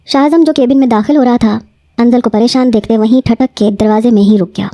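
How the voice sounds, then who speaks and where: High, mellow woman narrating a novel. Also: no echo, studio quality. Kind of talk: scripted narration of a romance novel.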